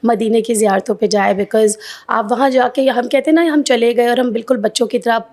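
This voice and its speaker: A woman from Pakistan in her forties, talking as a guest on a podcast. Her voice sits a little high. She chats easily and slips English words in as she talks. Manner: mixes English into Urdu, animated. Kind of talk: casual conversation. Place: podcast studio.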